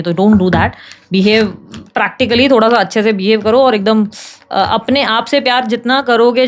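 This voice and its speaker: A woman reading tarot in a casual chat to her viewers, talking fast, teasing and scolding them like a big sister. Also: mid-range voice. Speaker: tarot reader.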